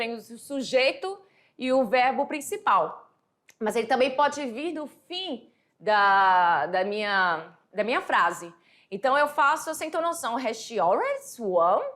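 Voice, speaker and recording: A woman teaching English to high school students, explaining patiently and reading the English examples out slowly. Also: a bit bright. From Brazil. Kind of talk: classroom lesson explanation.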